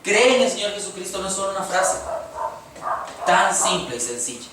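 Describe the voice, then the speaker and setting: Recorded at a distance in an echoey church sanctuary, a man from Costa Rica delivers a sermon as pastor, earnestly asking the congregation rhetorical questions in his Costa Rican Spanish accent. He sounds high and very animated at a moderate pace, with background noise present.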